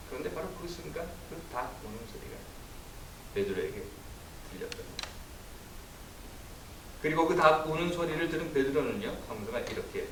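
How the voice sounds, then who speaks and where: A man, a pastor giving a Sunday sermon, telling stories and acting out quoted voices with sudden jumps in pitch and loudness. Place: church sanctuary. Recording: roomy echo from a distant mic, faint hiss.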